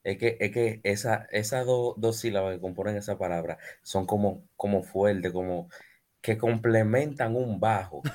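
A man with a Dominican accent, co-hosting a casual podcast chat in a joking, animated way, often repeating words. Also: fairly low pitch, moderate pace. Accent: Dominican Spanish. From Dominican Republic. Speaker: podcast co-host.

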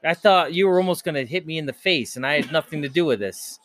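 A man's voice: a little high, quick pace, a bit bright. A man co-hosting a casual sports chat, teasing his friend and swearing casually in a laid-back way. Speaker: podcast co-host.

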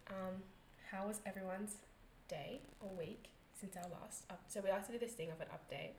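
A woman's voice: mid-range voice, normal speed, a little mellow, reverberant, slight background noise. A woman in her thirties, a playful podcast co-host who laughs a lot in casual chat. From Australia.

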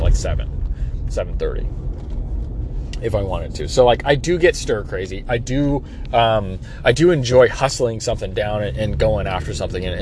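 A man in his thirties, a small business owner, rambling through his plans in a casual vlog with many fillers and restarts. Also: fairly low pitch. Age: 30s. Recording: outdoor street noise.

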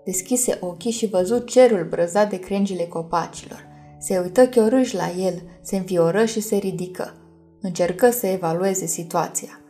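Mellow woman reading a storybook. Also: medium pitch, soft background music. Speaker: audiobook narrator. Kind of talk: scripted storybook narration.

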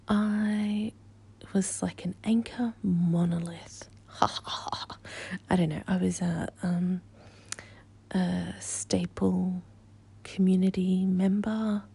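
A woman hosting a casual, rambling solo podcast in a playful, silly manner, with a husky, breathy voice full of vocal fry. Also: mid-range voice, fairly even intonation, extremely slow, mellow. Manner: silly, playful, slips into little sung scat bits. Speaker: podcast host.

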